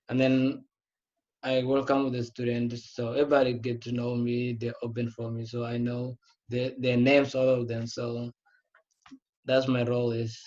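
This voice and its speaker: A man speaks in a flat, even tone, using plain English phrases and often repeating himself. The recording is dull and lo-fi, with muffled highs. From Kenya. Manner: simple, non-native phrasing, repeats words. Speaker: operations manager. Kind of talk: casual interview. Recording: dull lo-fi audio.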